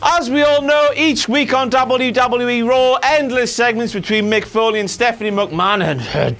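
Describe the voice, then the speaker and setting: High-pitched British man, crude comic host. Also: moderate pace, fairly bright tone. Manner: theatrical, mock-pompous, crude, sweary. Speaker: host of a wrestling recap show. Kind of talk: comedic commentary.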